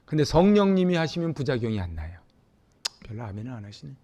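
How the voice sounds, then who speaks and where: A middle-aged Korean man from Seoul preaching a Sunday sermon as pastor, talking with the congregation and swinging between loud emphatic peaks and hushed, near-whispered asides. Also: mid-range voice, big pitch swings, fast talker, highs cut off. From Seoul, South Korea. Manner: conversational, asks the congregation questions.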